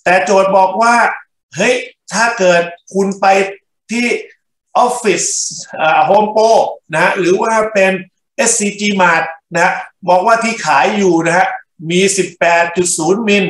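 A male university lecturer works through engineering problems, talking in short bursts and checking in with the class. His voice sits a little high, and the room gives it a noticeable echo. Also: measured pace, a bit bright. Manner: talks in short bursts, checks in with students often. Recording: echoey classroom.

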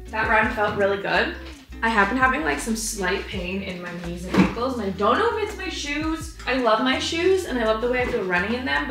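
A young female fitness vlogger with a mid-range voice chats upbeat to camera in her home kitchen and living room, dropping plenty of "like" fillers. The camera sits on the counter a few feet away, catching roomy apartment sound with music underneath.

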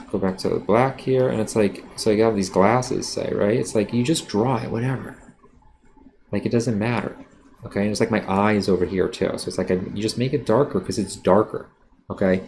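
A man with a low, gravelly voice talks through a drawing demonstration on a live stream, blunt and rambling with plenty of fillers. His tone is dark and mellow. A faint hiss sits under the recording. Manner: self-aware about sounding defensive. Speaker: art teacher. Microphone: streaming setup while drawing.

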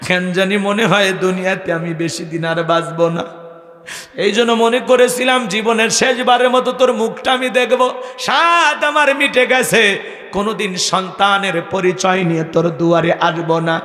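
A man's voice: sits high, fairly even intonation, normal speed, bright, forceful tone. A man voicing a grieving poor old mother who speaks tearfully and pleads with her son in a sermon story. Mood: sorrowful. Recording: echoey hall, long reverb.

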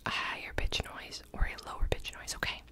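Young female whisperer for fast ASMR whispered role-play: brisk exam-giver, close-miked, clipped and repetitive. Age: young adult. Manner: fast, brisk, clipped instructions with repeated short words. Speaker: ASMR creator playing a cranial nerve examiner. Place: small indoor home room. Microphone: large microphone close in front of the mouth.

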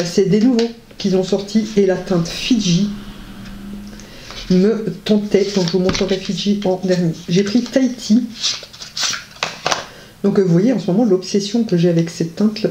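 A woman's voice: mid-range voice, normal speed, dark tone, a little hiss or hum. A woman casually reviewing makeup on her vlog, chatty and enthusiastic, with many hesitations and gushing words of praise. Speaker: beauty vlogger. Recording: roomy echo.

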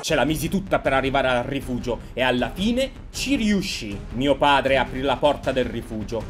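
A man dubbing and commenting an animated story, narrating it dramatically and breaking into joking asides. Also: medium pitch, moderate pace, faint music behind. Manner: theatrical, swings into loud comic outbursts.

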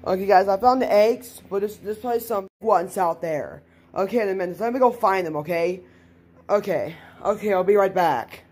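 A woman's voice: mid-range voice, brisk, a little mellow, slightly rough. A woman hosting a plush toy show, chattily narrating her toy play and talking to herself. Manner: chatty, talks to herself while acting out play.

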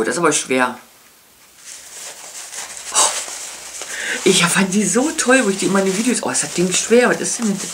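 A woman chatting casually as she unboxes makeup, gushing with many soft whispered asides. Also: mid-range voice, a little hiss or hum. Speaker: beauty vlogger.

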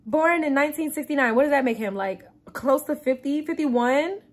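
A woman's voice: sits high, moderate pace. A woman reviewing a movie on her channel, exasperated, swearing often and breaking into laughter.

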